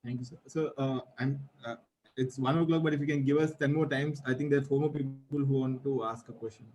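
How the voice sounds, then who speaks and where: A man's voice: mid-range voice, steady tone, brisk, a little mellow, a little hiss or hum, low-quality recording. A man moderating the session, politely and deferentially asking for more time. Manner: polite, deferential, saying "sir".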